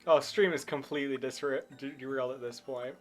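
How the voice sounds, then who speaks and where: A woman giving casual live game commentary as a streamer, excitable, swinging between muttered asides and loud shrieks. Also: extremely low pitch, fairly quick, soft background music.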